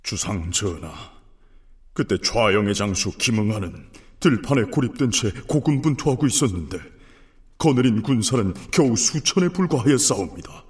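A man's voice: fairly low pitch, animated, moderate pace, close to an everyday voice. An actor playing a solemn, deferential official in a historical drama, formally reporting to his king in archaic speech.

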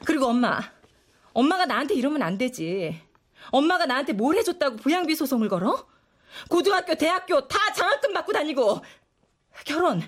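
An actress playing a sharp-tongued, scornful woman in her thirties, arguing with her ex-husband and her mother. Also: high voice, big pitch swings, brisk. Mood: pleading. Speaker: daughter and ex-wife. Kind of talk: TV drama acting.

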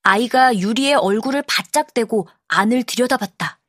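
A woman narrating an audiobook in a calm, measured storytelling manner, close to the mic. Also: a little high, no room sound. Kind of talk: scripted narration.

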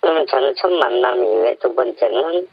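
An anonymous informant on a radio phone interview, his voice altered by a voice changer, speaking in a hesitant, halting way with many fillers. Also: medium pitch, big pitch swings, gravelly, dry recording. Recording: muffled phone line.

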